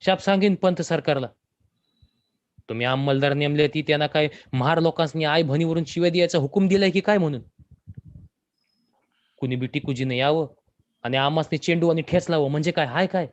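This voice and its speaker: A man's voice: on the high side, fairly quick, long pauses, highs cut off, close to an everyday voice. Man doing a defiant laborer. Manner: blunt, indignant. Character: defiant poor rural laborer man, proud.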